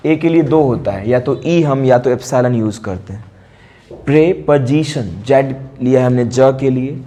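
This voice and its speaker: A man with an Indian accent teaching an English lesson for exam prep. He has a mellow, darkish voice and explains step by step, saying each example word slowly and more than once. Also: mid-range voice.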